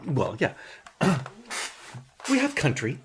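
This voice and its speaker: A man's voice: a little high, wildly swooping pitch, takes it slowly, a little hiss or hum. A man from the United States co-hosting a podcast, chatting casually and rambling with lots of restarts. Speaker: podcast co-host. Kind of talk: casual chat.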